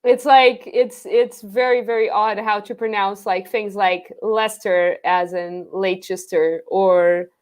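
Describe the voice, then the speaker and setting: A woman's voice: mid-range voice, fairly even intonation, unhurried, few pauses. A young woman from Portugal, hosting a live Q&A in a chatty way full of "like" fillers. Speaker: host. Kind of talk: live Q&A chat.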